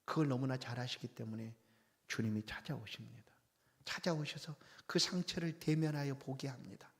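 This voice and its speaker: Impassioned Korean pastor in echoing hall. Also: male voice, mid-range voice, normal speed. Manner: swings from hushed whispers to loud impassioned outbursts. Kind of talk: sermon. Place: church sanctuary. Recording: long church hall reverb.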